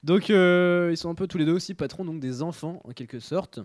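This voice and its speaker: A man's voice: fairly high pitch, a little fast, a little mellow, no echo, clean studio sound. A young man presenting a radio column in casual talk, hesitant and full of fillers.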